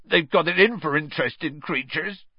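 An actor playing a huge, gruff gamekeeper who is crying as he speaks. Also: on the high side, moderate pace, no echo, dull audio, voice pushed up. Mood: tearful. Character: giant sobbing gamekeeper man, gruff and emotional.

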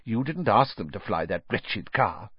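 A man's voice: on the low side, sing-song, a little slow, breathy edge, dry recording, highs cut off, full character voice. A man voicing a middle-aged motherly witch in an audiobook, bossy and exasperated with a fussy affection. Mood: scolding, exasperated.

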